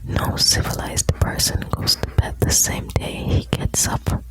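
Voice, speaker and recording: A woman whispers slowly, right up by the ear, in an ASMR style. She is soothing and intimate, reading short lines and adding chatty asides as if to one listener. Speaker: ASMR host reading quotes.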